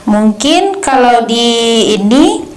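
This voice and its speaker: A high-pitched young woman explains speech technique in a halting, filler-heavy way. Her voice rings in an echoey room. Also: sing-song, darkish tone, slight background noise. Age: young adult. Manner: hesitant, many fillers, explains with examples. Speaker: speech contest coach. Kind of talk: conversational lesson.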